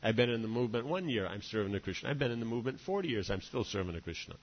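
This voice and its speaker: Rapid-fire and lively in intonation, this medium-pitched spiritual teacher rambles through a devotional lecture. He fills the gaps between points with "right?" and "you know," heard in a dull, reverberant hall recording.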